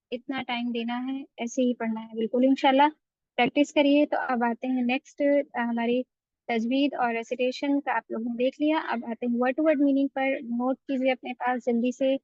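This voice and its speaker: A woman with a high voice teaches a Quran recitation lesson, explaining each point patiently and stretching out the words she recites. The sound is dry and a little dull, with no room echo at all. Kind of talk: online tajweed lesson.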